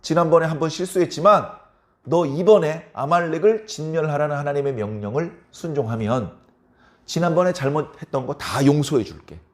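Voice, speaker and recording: A man's voice: a little high, lively intonation, a little fast, lightly acted. A male pastor voicing God as He promises a king blessing, in an earnest, coaxing tone. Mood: promising.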